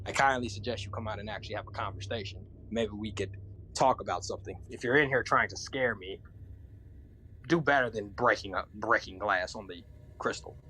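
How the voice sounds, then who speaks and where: A man playing a stern, commanding male angel warrior who speaks in a formal, challenging, measured way. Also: lowish voice, sharp tone, slight background noise. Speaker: player.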